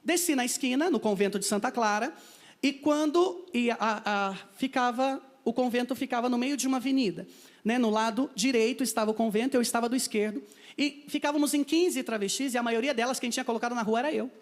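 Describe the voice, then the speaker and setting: Fast-talking Brazilian man giving testimony. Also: very high-pitched. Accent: Brazilian Portuguese. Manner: vivid storytelling, acting out dialogue. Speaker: missionary. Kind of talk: personal testimony.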